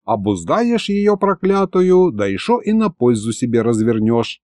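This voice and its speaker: A man's voice: mid-range voice, big pitch swings, a little slow, darkish tone, no echo, studio quality. A man voicing an old grandfather mentor who talks in folksy rustic speech. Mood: folksy scolding.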